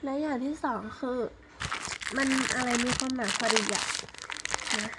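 A woman's voice: high-pitched, measured pace. A young woman chatting casually as she shows and prices handmade squishies, polite and chatty, spelling out her contact details. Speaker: vlogger selling handmade squishies. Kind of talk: casual product show-and-tell. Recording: loud background noise with crinkling.

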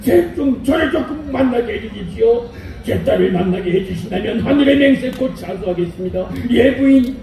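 A remorseful escaped convict begs in a lowered, mellow voice, as a man puts him on for a stage play. It booms with echo from far-off outdoor speakers. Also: animated, moderate pace, creaky, hardly any pauses, heavily acted. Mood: pleading. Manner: pleading, low, theatrical. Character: remorseful middle-aged male escaped convict. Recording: echoey outdoor PA sound from far off.

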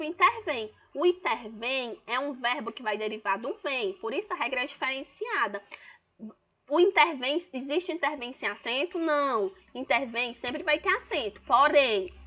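A woman's voice: sits high, expressive, moderate pace, fairly bright tone, highs cut off. A woman teacher giving an online grammar lesson, explaining patiently and drawing out example words for stress.

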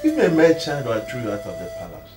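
A man's voice: medium pitch, sing-song, rapid-fire, over music, natural voice. A man playing a stern, imperious king in a film drama, speaking emphatically with a Nigerian accent. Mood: impatient, stern. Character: stern, imperious king demanding a male heir.

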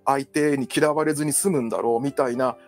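Talking by himself in a relaxed, wandering way, a male Japanese counselor peppers his speech with fillers and asides. His mid-range voice has fairly even intonation and a brisk pace, with faint music behind him.

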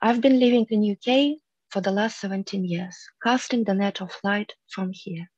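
A woman in her thirties leads a spiritual teaching on a headset mic, her tone soft and earnest. She lingers on words with long pauses. Her voice sits mid-range, and the dry, slightly dull video call audio keeps the room out of it. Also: medium pitch, slightly rough, dry recording. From Russia. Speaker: meditation group leader. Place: room at home, indoors.

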